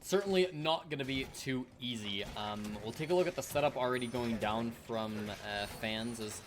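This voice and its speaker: A man's voice: medium pitch, normal speed, noisy background. A man doing play-by-play esports commentary, giving a running account of the action.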